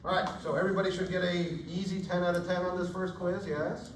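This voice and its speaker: A chemistry instructor lectures casually, frequently checking in with "right?", while hoarse and losing his voice. His voice sits high and level, he speaks fast, and a distant mic in the echoey hall catches faint room noise.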